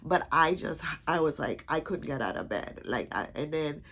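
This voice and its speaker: This female vlog host has a low, somewhat bright, congested voice that's expressive at a moderate pace, with a little hiss or hum in the audio. She chats casually and ramblingly, restarting often and using many fillers.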